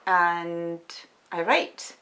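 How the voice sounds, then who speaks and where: An Estonian woman writer answers interview questions reflectively and hesitantly, with many pauses and restarts. Her voice is on the low side with a sharp tone.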